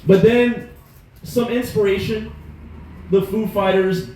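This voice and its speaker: A man in his thirties doing stand-up, telling stories in an animated, profane, self-mocking way. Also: high-pitched, slow. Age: 30s. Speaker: stand-up comedian. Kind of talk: stand-up storytelling. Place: comedy club stage. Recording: echoey room, faint noise.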